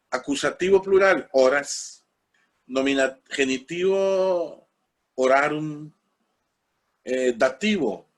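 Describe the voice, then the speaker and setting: Costa Rican man, mid-pitched, patient parish-class lecturer who spells out words between fillers. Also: a bit bright. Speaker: parish formation teacher. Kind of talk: informal lecture.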